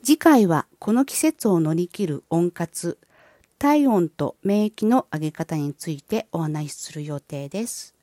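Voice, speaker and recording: A woman host reading a scripted wellness explainer with guided visualization, in polite, formal and measured phrasing. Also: lowish voice, expressive, mellow, no room sound, clean studio sound. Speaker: host of a wellness and spirituality channel.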